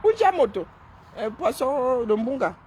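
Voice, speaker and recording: A woman's voice: high voice, big pitch swings, unhurried, a little mellow, slight background noise. Sarcastic woman live-streaming. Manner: sarcastic, mocking, keeps asking "hein?". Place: seated indoors.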